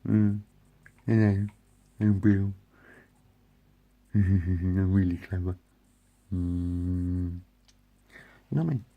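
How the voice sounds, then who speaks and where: Recorded on a phone's front camera with phone-quality sound, a man in his late forties vlogs in a casual, rambling monologue, repeating and correcting himself as his mind wanders. His voice is low-pitched and steady in tone, and he draws out his words and pauses often.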